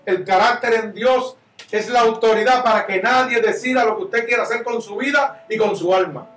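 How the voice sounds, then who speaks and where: A man preaching a sermon as pastor, impassioned and swinging from loud to hushed. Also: very high-pitched, distant mic. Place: church. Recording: echoey church room, miked from afar, soft guitar behind.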